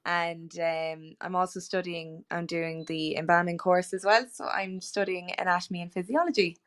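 A young woman from the west of Ireland speaks with that region's accent. Her voice sits a little low for a woman and is smooth and clean. She talks casually and playfully, like a chatty guest on a podcast. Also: fairly even intonation, moderate pace, a bit bright. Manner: chatty, jokey. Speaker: guest musician.

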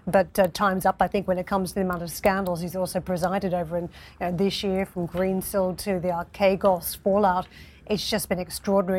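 Woman news co-anchor chatting through a story, flat intonation, slightly low voice. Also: slight background noise. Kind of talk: unscripted news commentary.

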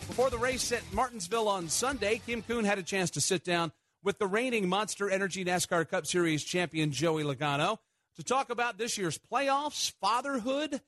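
A man's voice: high voice, lively intonation, normal speed, a bit bright, faint music behind. A man hosting a racing radio show, reading scripted links in an announcer's manner. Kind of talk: scripted broadcast narration.

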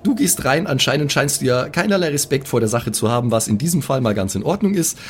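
Playing in an improvised role-playing game, a man speaks in character at the table, hesitating and repeating words as he thinks out loud. His medium-pitched voice is fast with lively intonation, and music plays behind him.

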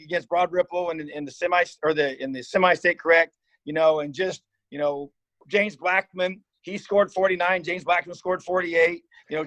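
In a rough recording with no room sound, a fifties-aged head football coach from Indiana shares his life story during a casual interview. His high voice is a bit bright, and as a guest he's earnest and rambling, full of restarts and "you know."

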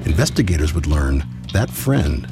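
A man's voice: rumbling low, very animated, moderate pace, creaky, over loud music. A man narrating a true-crime documentary from a script, as its narrator.

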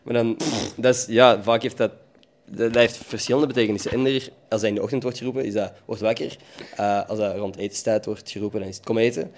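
A man's voice: fairly low pitch, fairly even intonation, fast talker. A young man with a Flemish accent, chatting casually and laughing often. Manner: easygoing, laughs often, affirms a lot. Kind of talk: casual chat.

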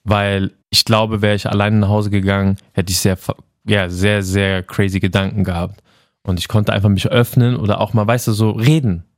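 A man's voice: fairly low pitch, level tone, moderate pace, dry recording, clean studio sound. A man co-hosting a casual chat in slangy speech with English and Arabic words, often repeating himself. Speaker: podcast co-host.

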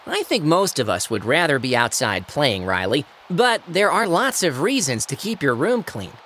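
Bob the Tomato: a teaching tomato. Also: male voice, fairly high pitch, very animated, moderate pace, a little hiss or hum. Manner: warm, gently teaching, scripture-quoting. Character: friendly male tomato show host. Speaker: host. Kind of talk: cartoon audio play.

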